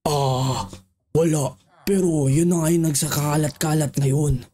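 A woman voicing a tiny male villager who speaks in a slow, grave, gruff voice much deeper than his size suggests. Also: steady tone, mellow. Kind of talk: animated game parody voice acting.

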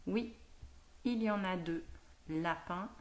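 A woman teacher giving a slow, patient phonics lesson to a young child, sounding out each word and syllable clearly. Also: lowish voice.

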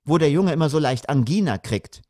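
A man reading an audiobook voices a sharp-tongued, pointed middle-aged mother. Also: fairly high pitch, animated, fairly quick, no room sound, studio quality, pitched above the performer's own voice.

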